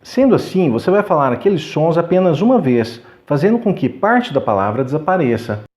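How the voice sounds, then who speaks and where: A man with a Brazilian Portuguese accent teaching English pronunciation, explaining clearly and slowing down to model the sounds. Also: a little high, sing-song, a little mellow. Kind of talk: scripted lesson.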